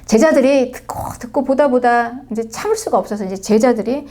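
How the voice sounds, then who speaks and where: A middle-aged woman pastor preaching a sermon with a Seoul accent, dramatic, swinging between soft murmurs and raised cries. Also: on the high side, a little fast. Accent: Seoul Korean. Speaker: senior pastor.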